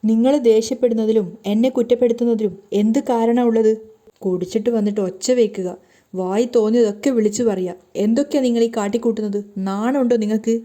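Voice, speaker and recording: A woman voicing a hurt young wife who loudly reproaches and pleads with her hot-tempered husband. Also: on the high side, fairly even intonation, normal speed, natural voice. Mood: indignant.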